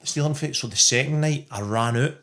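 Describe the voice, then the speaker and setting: A middle-aged man speaks in a broad Glasgow street accent, spinning casual anecdotes. His mid-pitched voice is animated and sweary, and he re-enacts both sides of conversations as he goes. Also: fairly quick.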